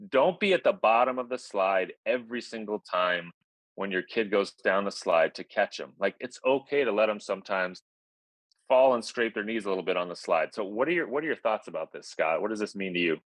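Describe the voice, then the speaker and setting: Low-voiced man co-hosting a podcast. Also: lively intonation, fairly quick, fairly bright tone, no echo, rough recording. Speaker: podcast co-host. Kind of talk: casual podcast chat.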